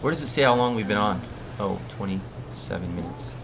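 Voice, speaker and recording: A man's voice: fairly low pitch, a little fast, creaky, a little hiss or hum. A man from Hawaii, a surf coach hosting a casual live-stream Q&A and reading viewer questions aloud. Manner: relaxed, chatty, reads viewer questions aloud.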